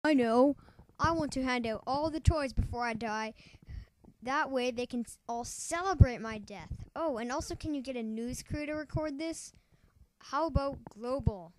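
A mild, wistful and stubborn Santa Claus played by a woman in a homemade cartoon. The voice is rather high, with light noise on the recording. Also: normal speed, lightly acted. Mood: mildly pleading. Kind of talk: amateur cartoon voice acting. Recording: noisy amateur recording with clicks.

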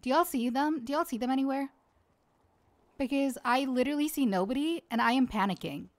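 A woman's voice: high voice, fairly quick. A young woman streaming a game live, swearing, jumpy and panicky, trash-talking her opponents. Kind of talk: live gaming stream commentary.

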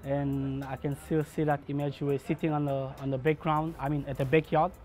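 A man in his thirties from Congo talks through how he became a barber, earnest and unhurried. His voice sits slightly on the high side for a man. Soft music plays faintly beneath him. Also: little pitch movement. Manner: earnest, measured, acts out remembered dialogue. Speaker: barber and shop owner. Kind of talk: documentary interview, personal story.

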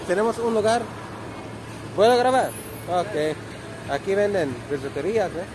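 With a high-pitched, expressive and unhurried voice, a man in his thirties from Egypt vlogs to a handheld phone at arm's length as he wanders an outdoor street market. His Spanish is non-native, carries an Egyptian Arabic accent and features many restarts. Behind him are a loud market crowd, traffic and music.

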